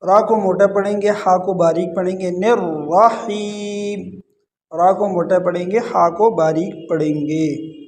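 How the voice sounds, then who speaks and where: A man teaching Quran recitation, alternating slow, drawn-out chanted verses with quick spoken explanations of pronunciation. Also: high-pitched, fairly even intonation, a little mellow, slight background noise.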